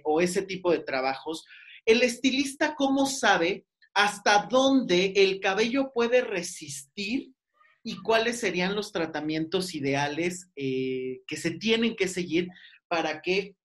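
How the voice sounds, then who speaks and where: A man's voice: sits high, a bit bright. Chatty Mexican man hosting a podcast. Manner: chatty, rambling, laughs often. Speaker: podcast host. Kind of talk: casual interview chat.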